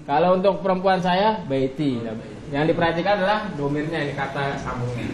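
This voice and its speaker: A man with an Indonesian accent teaching an Arabic grammar lesson, drilling each form with a rising cue and a falling answer, and drawing out the Arabic words slowly. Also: a little high, a crowd in the background. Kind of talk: classroom lesson.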